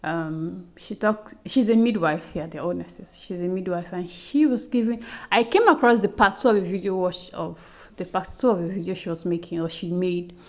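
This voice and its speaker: Speaking at a moderate pace in a lowish voice, a young woman podcaster talks informally to her audience in a personal audio journal, chatty and prone to repeating things.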